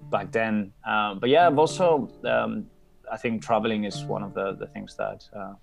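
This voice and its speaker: A man's voice: fairly low pitch, normal speed, creaky, over music. A man in his thirties from Spain with a Spanish accent, a podcast guest talking casually with many restarts and fillers. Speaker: podcast guest, tech company co-founder. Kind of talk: casual interview talk.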